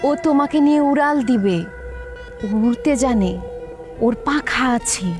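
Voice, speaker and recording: An actress playing a playful, teasing young new bride in a comedy drama. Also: female voice, high-pitched, unhurried. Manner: playful, mischievous, coy. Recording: loud background music.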